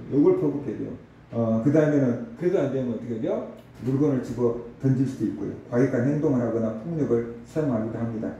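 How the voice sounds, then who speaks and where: Male pastor, dark mellow tone, conversational sermon with rhetorical questions, distant echoey church recording. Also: mid-range voice, highs cut off, a little hiss or hum. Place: church sanctuary.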